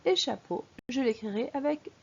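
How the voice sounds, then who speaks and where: A woman's voice: sits high, animated, normal speed, gravelly, slightly rough. A woman, teaching early reading to young children and patiently sounding out syllables. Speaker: primary school teacher. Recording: dull lo-fi recording.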